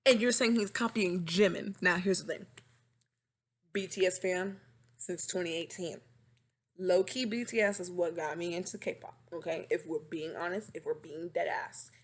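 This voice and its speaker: A woman's voice: on the low side, normal speed. A woman in her twenties hosting her own casual podcast, rambling and dramatic, recorded on a webcam microphone at home. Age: 20s. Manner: animated, rambling, dramatic and self-mocking. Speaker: podcast host. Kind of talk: casual chat.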